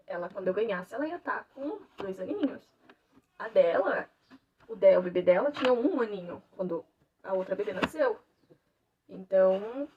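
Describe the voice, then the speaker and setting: A young woman, a mother, telling her own story in an animated way and acting out the dialogue. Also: fairly high pitch. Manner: animated, acts out quoted dialogue, laughs often. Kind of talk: emotional personal storytelling. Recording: distant mic, dull lo-fi sound, faint noise.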